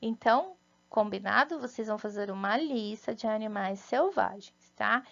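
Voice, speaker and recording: A woman's voice: mid-range voice, lively intonation, moderate pace, vocal fry, fairly bright tone, muffled recording. A Brazilian woman, a first-grade teacher, gives a recorded lesson to young children in a patient, sing-song way, often checking in with "né?" and "tá?". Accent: Brazilian Portuguese.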